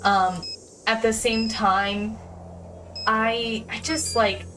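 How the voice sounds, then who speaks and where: Halting woman streamer, mic far off. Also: fairly high pitch, fairly even intonation, bright, forceful tone, a little hiss or hum. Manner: halting, with many fillers and restarts. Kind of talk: casual gameplay chat.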